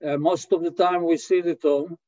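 Israeli man in his 80s, hesitant interview answers, mellow tone, slightly high voice, dull lo-fi call audio. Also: steady tone. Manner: halting, many hesitations. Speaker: guest.

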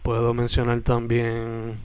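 A man's voice: mid-range voice, monotone, slow, darkish tone, clear, resonant tone. A man co-hosting a podcast, chatting easily and slipping in English words. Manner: easygoing, mixes in English words. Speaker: podcast co-host. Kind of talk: casual chat.

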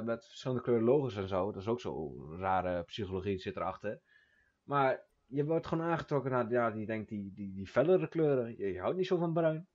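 A young man co-hosting a podcast in relaxed casual chat, often repeating his first words. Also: mid-range voice, muffled recording. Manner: relaxed, repeats words when he starts a sentence. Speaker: podcast co-host.

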